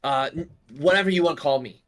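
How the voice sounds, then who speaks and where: A man's voice: a little high, fast talker, a bit bright, close to an everyday voice. A meek little imp, played by a man as game master stammers and dodges questions in a slightly raised voice. He sounds eager to please yet evasive, talking at a table game. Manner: hesitant, eager to please, stammers when pressed. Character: seven-year-old male imp, meek and evasive. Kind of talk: in-character tabletop role-play.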